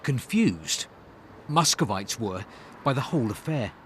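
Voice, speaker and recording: A man's voice: medium pitch, animated, unhurried. A man narrating a scripted news report as a correspondent. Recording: crowd noise behind the narration.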